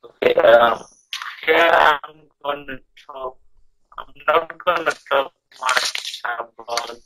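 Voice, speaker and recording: A man chairs a student debate on a podcast, his voice bright with a gravelly edge. He talks haltingly, filling gaps with ums and uhs. The sound is dry and close. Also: mid-range voice, no room sound, poor audio. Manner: hesitant, many fillers and restarts.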